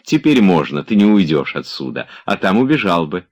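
A man voicing a playful, teasing young woman in an audiobook, in a lifted, lively voice. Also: low voice, moderate pace, pitched above the performer's own voice.

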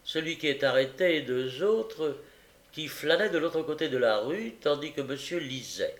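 Man voicing an earnest bookseller, raised pitch, gravelly, roomy room, audiobook. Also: lively intonation, moderate pace, close to an everyday voice. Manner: earnest and insistent. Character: honest, determined male bookseller, a witness.

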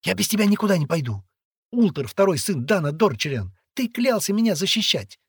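A man reading aloud and voicing a spirited, bossy little girl who chatters in hushed, urgent tones. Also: fairly high pitch, animated, moderate pace, slightly rough, no room sound, studio quality, pitched above the performer's own voice. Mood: tearful.

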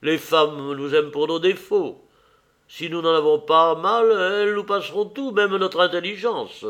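A man's voice: on the high side, fairly even intonation, unhurried, a bit bright. A man voicing a witty, cynical English lord who speaks in languid, epigrammatic phrases.

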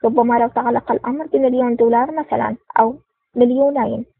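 A woman's voice: on the high side, flat delivery, fast, creaky, slightly rough, dry recording. A woman reading a sly, wheedling male villain. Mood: pleading. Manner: wheedling, then angry shouting. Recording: dry, tinny phone-like sound.

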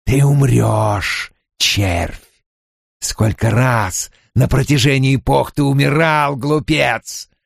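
A male narrator voicing a menacing ancient dark lord who speaks in gravelly, drawn-out, taunting threats. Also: medium pitch, dry recording, clean studio sound, exaggerated voice. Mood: mocking. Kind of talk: audiobook character voice.

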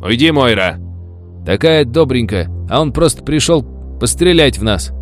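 A man's voice: medium pitch, lively intonation, moderate pace, soft background music, voice pushed up, natural voice. A man voicing a hostile old man who snarls and grates at a stranger. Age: older. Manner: snarling, grating.

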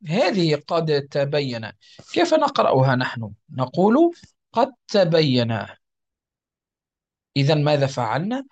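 A teacher explains tajweed rules in a lively voice that rises and falls a lot. The delivery is patient and repetitive, with frequent checks that students understand. Examples are recited slowly and deliberately. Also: medium pitch.

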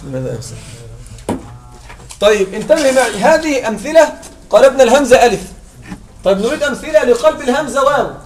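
Very animated and fast with frequent pauses, this man's voice is extremely high-pitched as he teaches Arabic morphology in a classroom. He drills examples aloud and keeps asking questions to check that students follow. Recorded far from the mic in an echoey room, the audio has slight background noise and faint music.

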